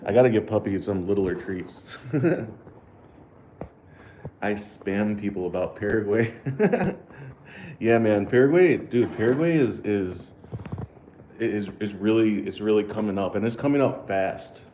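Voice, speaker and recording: In a muffled, reverberant recording with slight hiss, a low-voiced American host goes through super chats at a measured pace with long pauses. He's relaxed, laughs frequently, and keeps stumbling over repeated words and fillers.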